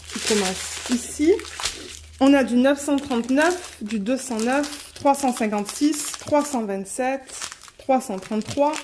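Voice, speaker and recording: A woman vlogging an unboxing in a quick, chatty way, reading out color numbers at home. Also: fairly high pitch, noisy background. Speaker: diamond painting vlogger. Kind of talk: casual unboxing chat.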